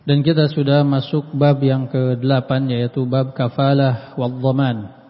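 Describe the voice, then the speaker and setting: A man giving a religious study lesson, reading Arabic passages and explaining them plainly, often repeating key words and clearing his throat. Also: mid-range voice, flat delivery, a little slow. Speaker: Islamic study teacher. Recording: dull lo-fi audio with long hall reverb.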